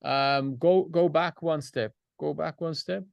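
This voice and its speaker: A man's voice: fairly high pitch, slow, gravelly, no echo, lo-fi sound. A man from Switzerland, a client giving direct, step-by-step feedback on a video call. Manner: direct, gives step-by-step instructions.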